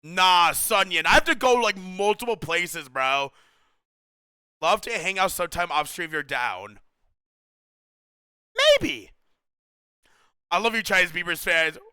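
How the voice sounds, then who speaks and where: A young male streamer chats with his viewers in casual, slangy talk, saying "bro" a lot and laughing often. His high, bright, sharp voice is very lively and leaps all over the place, yet his pace stays measured with long pauses. The close-mic recording is dry, smooth and clear.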